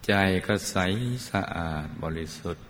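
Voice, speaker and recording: A man leading a guided meditation, speaking gently and soothingly, drawing out his words with long pauses and calling listeners his children. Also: slight background noise. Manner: calls listeners "child" fondly. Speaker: meditation teacher. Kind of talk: slow guided meditation instruction.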